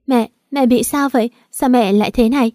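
A woman's voice: on the high side, steady tone, a little fast, warm tone, dry recording, clean studio sound, close to an everyday voice. A woman voicing a tearful stubborn little girl.

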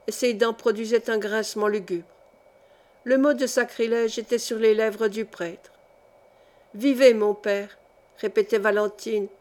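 Female audiobook reader, fairly high voice, measured dramatic delivery. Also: a little mellow. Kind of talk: scripted narration of a historical novel.

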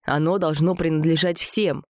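A woman voicing a hot-tempered young woman who shouts indignantly in a quarrel. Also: deep voice, fairly even intonation, normal speed, no echo, clean studio sound, natural voice. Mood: angry.

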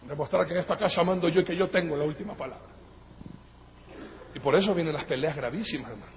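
A male pastor with a Latin American Spanish accent, preaching emphatically, swinging from loud outbursts to quiet asides and calling his listeners brothers. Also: on the high side, fast. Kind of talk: sermon. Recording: echoey hall, dull lo-fi sound, faint noise.

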